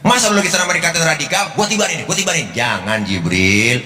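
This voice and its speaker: A man preaches a comic sermon, joking in slang and drifting into sing-song. His voice sits a little high and bright. It rings with a long hall reverb, with faint music behind. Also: rapid-fire.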